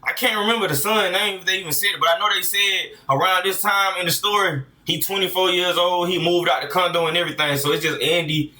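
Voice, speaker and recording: Male streamer reacting live, high and quick, slangy chat to viewers. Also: recorded from a distance. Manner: talks straight to chat, slangy and animated. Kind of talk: casual live reaction commentary.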